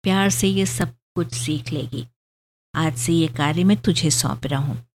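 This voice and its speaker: A woman voicing a gentle, affectionate young husband who speaks in a calm, reasoning, gently lecturing way in a storybook reading. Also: sits low, measured pace, a little hiss or hum. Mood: fond.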